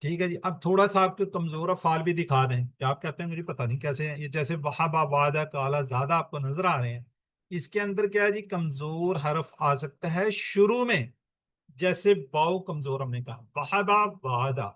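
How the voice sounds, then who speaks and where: A man teaches a Quran lesson. His voice sits fairly high. He explains step by step and poses questions he answers himself. The recording is dry and close. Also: fairly bright tone, no echo. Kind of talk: classroom-style lesson explanation.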